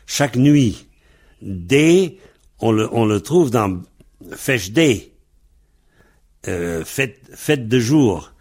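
A man from Brittany teaching a Breton language lesson, spelling words out letter by letter in a deliberate way. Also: mid-range voice, animated, a little mellow.

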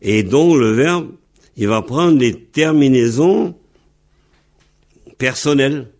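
A man's voice: medium pitch, expressive, slow pace, a little mellow. A man teaching Breton on a radio lesson, patiently repeating and spelling out word forms.

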